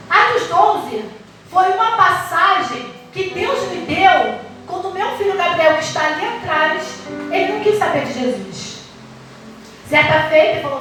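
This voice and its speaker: A woman's voice: extremely high pitch, a bit bright, a little hiss or hum. A middle-aged woman pastor with a Brazilian Portuguese accent, preaching a sermon passionately and emphatically, stretching and half-singing her phrases. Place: large church hall. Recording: echoey church hall, mic at a distance.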